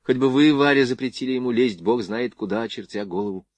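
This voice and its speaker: A man reading the lines of a worried young woman gently scolding a friend. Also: mid-range voice, fast, no room sound, lightly acted. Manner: gently reproachful.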